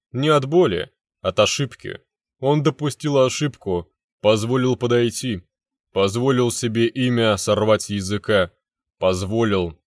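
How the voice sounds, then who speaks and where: A man's voice: mid-range voice, no room sound, studio quality. A man reading a first-person fantasy story aloud with intense, dramatic delivery. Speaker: narrator.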